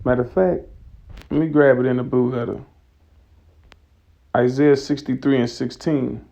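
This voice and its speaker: Gravelly man teaching scripture casually. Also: medium pitch, fairly even intonation, dark tone. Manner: loose and conversational, slows down to read verses aloud. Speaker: religious teacher.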